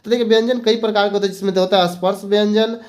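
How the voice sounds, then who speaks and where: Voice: medium pitch, fairly even intonation, very fast. A teacher gives an exam-prep grammar lesson, repeating points and mixing in English words. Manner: asks rhetorical questions and answers them.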